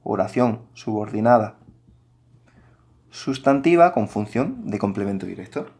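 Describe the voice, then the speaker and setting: Man, teacher, lowish voice, patient step-by-step explaining, talks straight to students. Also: animated, measured pace, darkish tone, breathy edge. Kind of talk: recorded grammar lesson.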